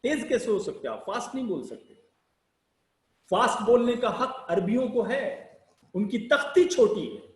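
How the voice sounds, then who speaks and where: A man with a high, animated voice lectures slowly and deliberately on public speaking. He asks rhetorical questions and spells out sounds one at a time. The room is echoey. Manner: slow deliberate explanation, spells out sounds letter by letter; rhetorical questions, emphatic rises and sinking ends.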